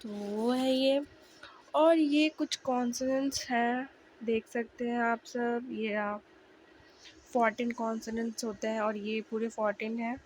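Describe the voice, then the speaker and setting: A young woman with a slightly hoarse voice, chatting casually to viewers as she shares her language-learning notes and sounds out letters slowly. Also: a little high, fairly even intonation, a little hiss or hum, rough recording. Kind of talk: casual video lesson.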